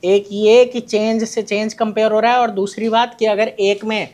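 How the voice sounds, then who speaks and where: A man's voice: high voice, flat delivery, normal speed, a little mellow. A male teacher giving a classroom lecture, who keeps asking his students short questions, answers them himself, and calls them his children. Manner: addresses students fondly as children.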